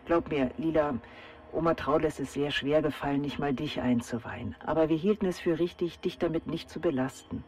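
An actress in a children's radio play voices a secretive salon woman who is bossy yet kindly, issuing brisk, conspiratorial instructions in a confiding mood. Her voice is low and darkish, close to an everyday speaking voice.

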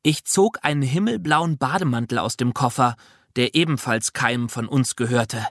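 A reader narrating a children's audiobook in an expressive, lively way. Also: medium pitch, moderate pace, dry recording, clean studio sound.

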